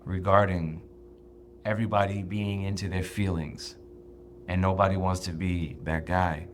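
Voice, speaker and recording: A man co-hosting a casual podcast chat, talking in an earnest, measured, emphatic way. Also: low-pitched, level tone, slight background noise. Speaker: podcast co-host.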